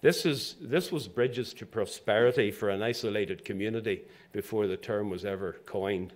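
An older man with a lowish voice delivers a prepared presidential address from a lectern. His pace is measured and formal, broken now and then by a dry aside. He speaks into a lectern microphone in a lecture hall. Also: a little mellow. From Zambia. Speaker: institution president giving inaugural address.

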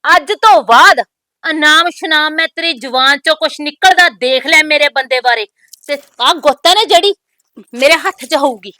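Defiant young bride, high bright voice, dry close sound. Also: female voice, moderate pace, no room sound. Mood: threatening. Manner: bold, scolding, proverb-laden retorts. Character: sharp-tongued young newly married woman, defiant. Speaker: actress. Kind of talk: village family drama acting.

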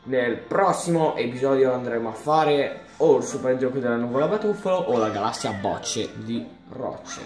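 Man, let's play commentary, excitable, chatters at the game, echoey room, game music behind. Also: medium pitch, moderate pace, few pauses.

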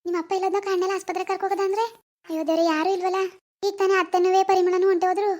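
A woman's voice: very high-pitched, flat delivery, rapid-fire, a little mellow. A woman voicing an anxious village mother in a cartoon, soothing and fussing. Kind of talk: cartoon voice acting.

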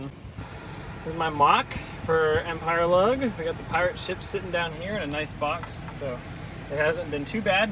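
A man talking in a chatty, excitable travel vlog from his car and roadside stops, filming himself on a handheld camera. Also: fairly high pitch. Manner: excitable, chatty, jumps between asides. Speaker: vlogger. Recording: road and car noise behind.

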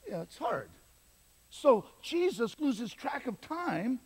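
Male pastor, animated preacher, higher voice, booming hall reverb. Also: takes it slowly, breathy edge. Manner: animated, emphatic preaching with asides. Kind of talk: sermon. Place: church sanctuary. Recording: long reverb of a church hall.

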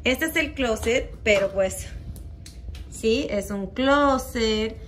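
A woman's voice: fairly high pitch, takes it slowly, slight background noise. A woman giving a casual tour of a rented vacation house, gushing and repeating her praise as she walks through it on a handheld phone.

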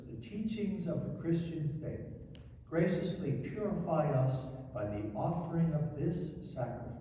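Male priest praying mass, dark solemn voice, big cathedral echo, far off the mic. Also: a little high, muffled recording, a little hiss or hum. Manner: measured, solemn intoning. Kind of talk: reciting liturgical prayers at Mass. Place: large church. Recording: echoey church hall from far off.

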